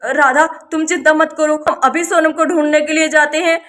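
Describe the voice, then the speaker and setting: Woman playing a sleepy, scolding husband for a doll story; high voice. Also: steady tone, normal speed, a bit bright. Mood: grumbling. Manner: grumbling, scolding, then reassuring. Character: grumpy, sleepy village husband Shyam.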